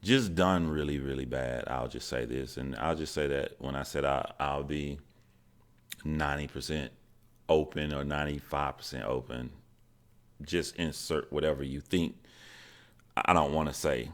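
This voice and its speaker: A man, telling a personal story in a candid, halting, earnest way. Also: a bass voice, fairly even intonation. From Georgia, USA. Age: 40s.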